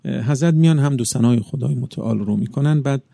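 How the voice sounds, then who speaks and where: Gravelly preacher delivering an emphatic sermon. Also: male voice, mid-range voice, mellow, no echo. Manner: measured, builds up in emphatic bursts. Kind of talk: religious sermon.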